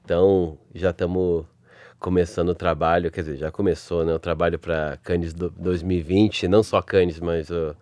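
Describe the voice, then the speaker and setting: A man's voice: low-pitched, flat delivery, normal speed, darkish tone, dry recording. A man with a Rio de Janeiro carioca accent chatting casually as an interview guest, using informal, colloquial language. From Rio de Janeiro, Brazil. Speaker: podcast guest, advertising creative executive.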